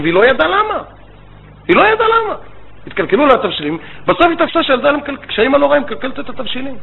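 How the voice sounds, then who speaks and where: Rabbi-educator, male, fairly high voice, lively storytelling lecture, faint hiss behind. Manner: animated storytelling with rabbinic phrasing. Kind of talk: religious lecture. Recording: tinny phone-like line with faint noise.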